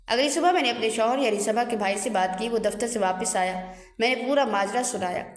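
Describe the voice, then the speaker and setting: A woman's voice: fairly high pitch, faint music behind. A woman narrating a dramatic story in an earnest, emotional way. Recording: echoey room with long reverb.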